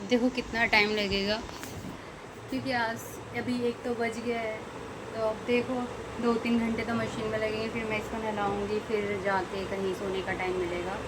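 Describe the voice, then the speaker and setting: A woman's voice: a little high, little pitch movement, normal speed. A young Indian mother chatting through a casual home vlog while coaxing her toddler, filmed on a handheld phone. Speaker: vlogger and mother. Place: home, indoors. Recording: noisy home phone recording.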